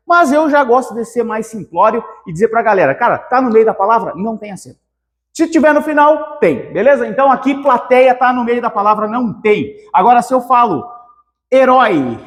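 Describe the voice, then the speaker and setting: A high-voiced man leads an exam-prep grammar lesson. He is lively and animated and talks straight to his students. The recording has a long reverb. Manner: lively, animated, calls viewers "meu querido". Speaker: teacher.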